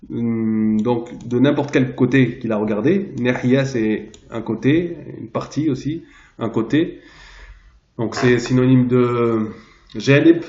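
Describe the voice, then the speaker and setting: A man teaching a translation lesson, pausing often and searching aloud for the right word. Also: mid-range voice, a little mellow. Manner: hesitant, searching aloud for words. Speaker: Arabic teacher. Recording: roomy, dull lo-fi sound.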